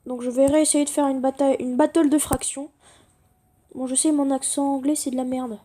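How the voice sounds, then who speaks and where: A woman giving casual, excitable gameplay commentary, chatting with her viewers and swearing casually. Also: sits high, brisk. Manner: talks directly to viewers. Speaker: gaming video creator.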